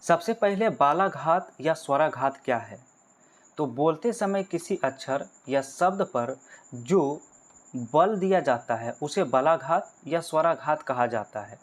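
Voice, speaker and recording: A man with a fairly high voice teaches a grammar lesson for exam candidates. He goes through each point step by step, puts questions to his listeners and then answers them himself. He calls the viewers friends. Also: expressive, takes it slowly. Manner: explains step by step, repeats key points, asks and answers his own questions.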